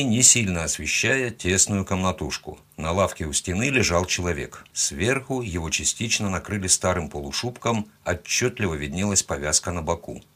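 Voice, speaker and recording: Male audiobook narrator, low husky voice, gruff matter-of-fact delivery. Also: fairly bright tone. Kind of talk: first-person audiobook narration.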